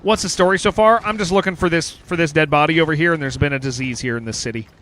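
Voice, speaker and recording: A man's voice: a little high, quick pace, fairly bright tone, a little hiss or hum. A man streaming a video game live, chatting casually and rambling with lots of fillers. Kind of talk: casual live-stream commentary while gaming.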